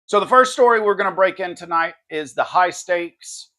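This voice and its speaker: A man's voice: sits high, normal speed, bright, forceful tone. A man hosting a political podcast, delivering commentary in an emphatic, combative manner. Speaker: podcast host.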